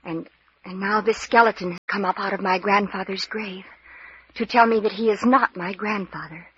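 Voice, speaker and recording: A woman playing a gentle, wounded young heroine, weary and apologetic, in an old-time radio mystery. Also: mid-range voice, fairly even intonation, normal speed, close to an everyday voice. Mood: earnest, troubled. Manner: plaintive, apologetic. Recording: muffled lo-fi radio recording with hiss.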